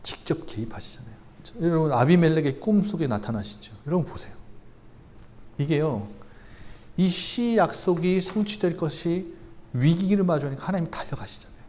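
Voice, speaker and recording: Male pastor, church sermon, high and very animated, emphatic, talks to the congregation like a conversation. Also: moderate pace. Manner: emphatic, conversational preaching with sudden rises.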